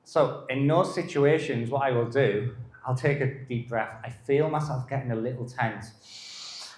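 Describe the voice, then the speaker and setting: A middle-aged man, a dog behaviour specialist, giving a live masterclass in a calm manner and short broken phrases. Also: medium pitch, unhurried. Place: live lecture venue. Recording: roomy echo.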